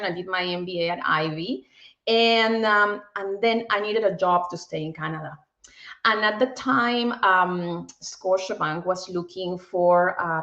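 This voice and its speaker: A woman in her forties from Peru, a bank tech executive, appears as a guest in a casual video interview. She speaks upbeat with a Peruvian Spanish accent, often repeating words as she finds them. Her voice is medium-pitched and fairly bright, and the recording sounds roomy and muffled.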